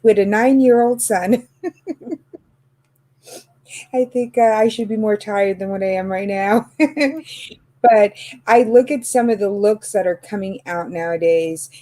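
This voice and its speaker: Unhurried and mellow, this mid-range female voice leaves long pauses. She's the fifty-something channel host chatting casually about makeup, with plenty of fillers and laughs.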